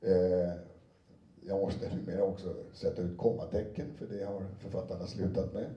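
A man's voice: low-pitched, little pitch movement, highs cut off. A man who reads audiobooks gives an anecdotal talk to an audience, chatty and full of fillers and restarts. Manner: conversational, many fillers and restarts, briefly acts out quotes. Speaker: audiobook narrator giving a talk. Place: lecture room with an audience. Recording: roomy sound from a distant mic.

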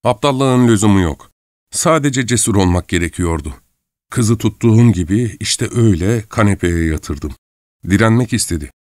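Low-voiced male audiobook narrator. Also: lively intonation, moderate pace, a little mellow, no echo, studio quality. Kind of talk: scripted first-person audiobook narration.

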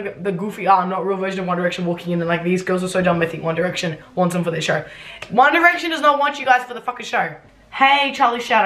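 A woman's voice: on the low side, a bit bright, low-quality recording. A young woman reads her old fan fiction aloud and reacts, cringing, swearing and mocking her own writing. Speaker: vlogger.

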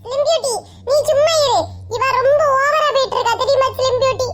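A woman with a Kanyakumari Tamil accent voicing a hot-tempered young husband, talking in a high, quick, taunting way. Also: steady tone, heavy background noise. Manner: bossy, taunting.

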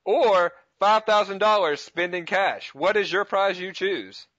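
Man acting as booming prize announcer, upbeat radio game-show patter, high-pitched, dry dull audio. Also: a little slow, fairly bright tone, no room sound. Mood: showy. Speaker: prank radio host. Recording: dull lo-fi prank call audio.

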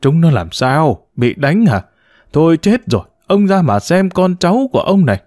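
A man's voice: a little high, big pitch swings, normal speed, darkish tone, no echo, studio quality, voice pushed up. A man reading a story, voicing a blunt, abusive older grandmother who scolds in a raised voice. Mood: shrill scolding. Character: sharp-tongued older village grandmother, scolding.

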